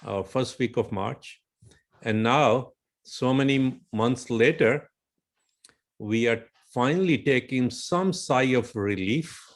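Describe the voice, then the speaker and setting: Slow, measured Indian-accented male doctor. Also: medium pitch. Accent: Indian English. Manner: slow, measured, citing figures. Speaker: physician guest. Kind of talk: measured interview explanation.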